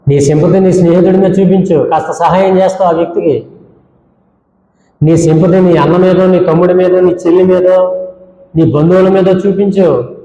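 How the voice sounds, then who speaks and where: A male preacher with a fairly high, mellow voice delivers a sermon, scolding his listeners with rhetorical questions and repeated lists. The sound is dull and lo-fi, ringing with the long reverb of a church hall. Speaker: pastor.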